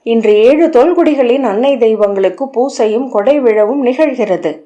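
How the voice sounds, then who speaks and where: A woman reading the lines of a proud, calculating queen in an audiobook, in a measured, commanding way. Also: a little high, expressive, mellow, highs cut off, lightly acted. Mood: cool, commanding.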